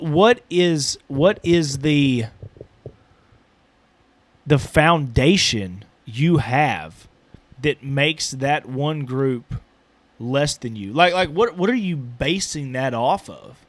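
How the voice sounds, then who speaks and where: A man's voice: on the high side, expressive, slow, no room sound. A man hosting a casual podcast chat who talks hesitantly, stumbling and repeating his words as he questions his co-host, recorded in a small building.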